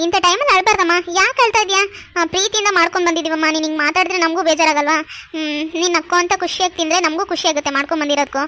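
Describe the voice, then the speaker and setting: A woman's voice: extremely high pitch, bright, forceful tone. A woman voicing a chatty doting aunt. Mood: soothing. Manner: talkative, over-explaining. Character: fussing middle-aged aunt, doting. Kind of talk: cartoon voice acting.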